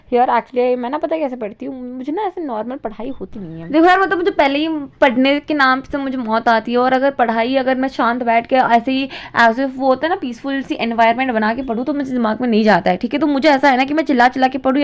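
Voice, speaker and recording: A teenage girl with an Indian accent chatting casually in a study vlog, mixing Hindi and English and mocking herself. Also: on the high side. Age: teens. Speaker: student vlogger.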